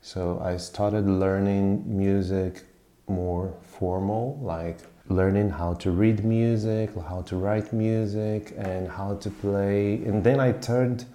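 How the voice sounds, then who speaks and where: A man speaks slowly and thoughtfully, pausing often as he recalls his story. His voice sits very low and mellow. The recording has a noticeable roomy echo. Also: fairly even intonation. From Brazil. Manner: unhurried, thoughtful, pauses with fillers. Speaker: musician guest. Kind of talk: interview answers, reflective storytelling.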